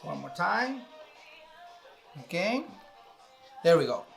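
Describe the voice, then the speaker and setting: This chef's voice sits high and sounds gravelly and very animated, delivered slowly over soft background music. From Venezuela, he speaks English with a Venezuelan Spanish accent, breaking a recipe into steps and using lots of fillers in a relaxed cooking demo.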